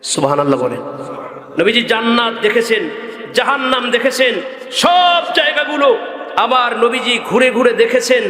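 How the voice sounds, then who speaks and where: Male preacher, high and bright, delivers a sung, rising sermon that keeps calling questions out to the crowd, recorded in an echoey hall. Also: lively intonation, moderate pace. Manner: chanting Quranic verses, calling out questions to the crowd. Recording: echoey hall, long reverb.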